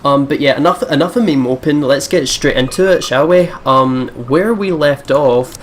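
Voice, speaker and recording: At home at his computer setup, a let's play host talks into a desk microphone in a fairly high voice at a moderate pace, with slight background noise. His gaming commentary is casual and rambling, full of slang and swearing, and now and then he reads text aloud.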